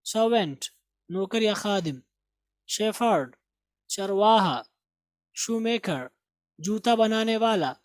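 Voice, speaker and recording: A teacher, slowly explaining English grammar and repeating words aloud for pronunciation. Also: mid-range voice, expressive, no room sound, clean studio sound. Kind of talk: spoken grammar and vocabulary lesson.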